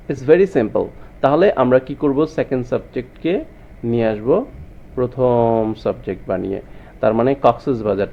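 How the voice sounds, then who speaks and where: A man's voice: mid-range voice, creaky, dull audio. A man teaching a grammar lesson to students, often asking them rhetorical questions. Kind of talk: explanatory lesson.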